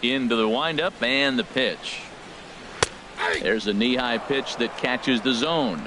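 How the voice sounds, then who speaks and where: Over stadium noise, a man voices a composed, professional play-by-play announcer calling baseball in a video game. He talks at a slow pace with a medium-pitched, natural voice.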